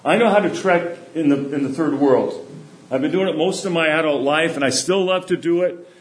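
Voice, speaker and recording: A middle-aged man giving a sermon, telling stories in a relaxed, conversational way. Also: fairly high pitch, fairly quick. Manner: anecdotal, conversational storytelling. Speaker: preacher. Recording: echoey room.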